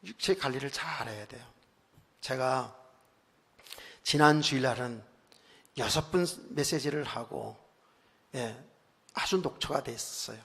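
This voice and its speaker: Husky pastor preaching in a hall. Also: male voice, medium pitch, unhurried, long pauses. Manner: conversational storytelling, frequent "예" and "아멘"; swings from quiet asides to loud emphatic bursts. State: recently worn out and hoarse. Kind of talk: sermon. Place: church sanctuary. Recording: long church hall reverb.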